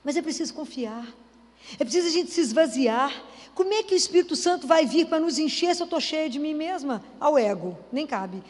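High-voiced woman preaching in a hall. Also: lively intonation, fairly quick. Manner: conversational, asks the audience rhetorical questions. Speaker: lay preacher.

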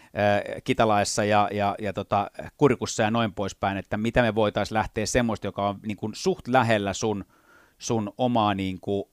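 A man who does voice impressions talks casually about his craft, often pausing and restarting as he looks for words. His voice is smooth and clear. It sounds close and dry, with no room echo. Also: on the low side, steady tone. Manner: hesitant, many fillers and restarts, slips into impressions. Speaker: voice impressionist guest. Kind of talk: casual interview chat.

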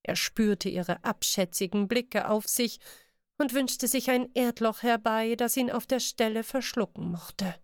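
A woman reading a fantasy audiobook in a measured, expressive way, close to the microphone. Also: a little high, smooth, no room sound. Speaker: audiobook narrator. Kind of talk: scripted fantasy audiobook narration.

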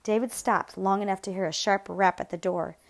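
A woman narrating a novel aloud in a steady, measured, grave storytelling voice. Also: mid-range voice. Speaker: audiobook narrator.

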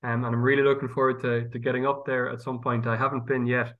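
A priest from County Galway, in the west of Ireland, is interviewed as a guest, speaking conversationally and thoughtfully in his regional accent. His mid-range voice is flat and quick, and the sound is phone quality.

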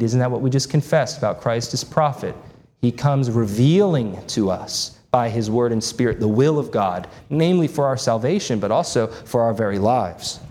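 A man preaches in a church sanctuary. He explains scripture in earnest, measured phrases and often poses rhetorical questions to the congregation. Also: medium pitch, darkish tone. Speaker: pastor. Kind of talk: sermon.

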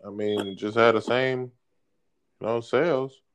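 A man co-hosting a casual gaming podcast, joking and sarcastic, quick to laugh. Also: medium pitch, fairly even intonation, clear, resonant tone. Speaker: podcast co-host. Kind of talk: casual chat.

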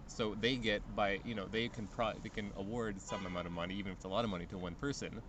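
A man's voice: fairly low pitch, steady tone, fast talker, noisy background. A man co-hosting a podcast in a casual chat, thoughtful and probing, asking many questions. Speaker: podcast co-host.

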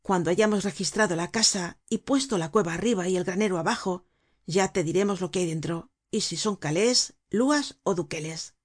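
A gruff, scheming male bandit leader who sends people away curtly, read by a woman. The voice is low and husky. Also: normal speed, close to an everyday voice. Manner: curt, dismissive.

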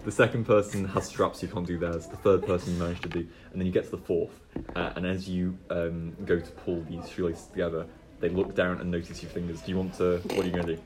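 A man narrating as game master of a tabletop game, relaxed, with many fillers. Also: deep voice, fast talker.

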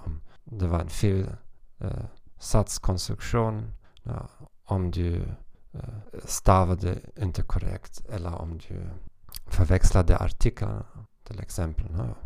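Deep, gravelly-voiced man hosting a podcast. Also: warm tone, dry recording, studio quality. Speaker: podcast host and language teacher. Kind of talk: informal podcast monologue.

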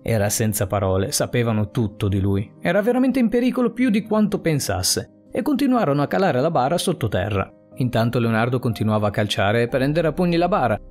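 A man's voice: medium pitch, very animated, fairly quick, few pauses, a little mellow, faint music behind. A man reading a scripted suspense story aloud, with a dramatic, suspenseful delivery. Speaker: narrator.

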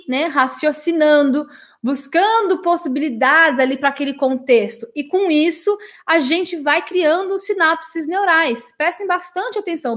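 A woman with a bright, high-pitched voice gives a live English lesson to her viewers. She is from Brazil and talks in a chatty, affectionate way, checking in with her audience and often tagging her sentences with little questions. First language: Portuguese. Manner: chatty and warm with her audience, many "né?" tags. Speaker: English teacher.

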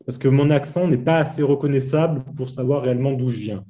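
A man with a light southern French accent talks in an easygoing, rambling way. His voice is dark and mellow, with a middle pitch. He speaks hesitantly, and fillers and restarts run through his sentences. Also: quick pace. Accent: southern French, softened. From southeast France. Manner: relaxed, hesitant, many fillers. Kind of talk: casual conversation.

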